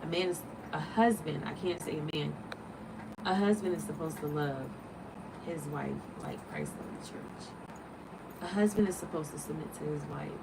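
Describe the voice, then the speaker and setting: A woman in her late thirties hosts a livestream, speaking casually and animatedly as she preaches and fires off rhetorical questions. Her low, gravelly voice comes at a moderate pace from a distant mic, with a noisy background.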